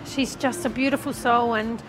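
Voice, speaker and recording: High-pitched, flustered middle-aged Australian woman. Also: fairly even intonation, moderate pace. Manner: flustered, rambling, down-to-earth. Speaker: radio competition winner. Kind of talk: casual live on-air chat. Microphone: handheld microphone. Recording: clearly noisy background ambience.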